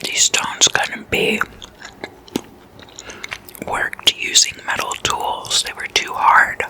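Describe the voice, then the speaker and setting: An ASMR host whispers slowly and casually, her breathy voice close and intimate, softly stretching out words as if recounting tales to a friend.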